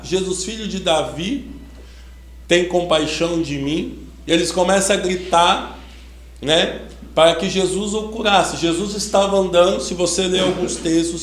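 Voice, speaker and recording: A man giving a sermon to a congregation, who starts with slow prayer and grows more fervent as he preaches. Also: a little high, slight background noise. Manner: prays slowly, then preaches with rising fervor. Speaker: lay preacher. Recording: echoey room with faint ambience.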